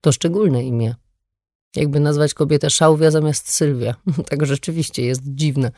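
A woman's voice: low voice, steady tone, moderate pace, dark tone, no echo, studio quality. A woman reading the lines of a skeptical brother in a wry, matter-of-fact way. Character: skeptical adult brother, calm and dry. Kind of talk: audiobook reading.

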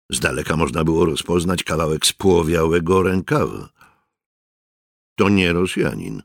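Mężczyzna czytający powieść jako lektor, spokojnie i z namysłem. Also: male voice, very deep voice, creaky, fairly bright tone, breathy edge, no echo, studio quality. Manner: measured storytelling. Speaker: audiobook narrator. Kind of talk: scripted narration.

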